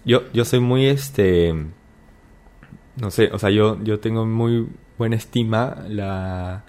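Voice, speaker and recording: A man's voice: fairly low pitch, slow pace, a little mellow. A man hosting a podcast, talking loosely and casually with slang and frequent check-ins to his listener. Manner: loose, slangy, keeps asking "¿me entiendes?". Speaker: podcast host. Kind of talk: casual conversation.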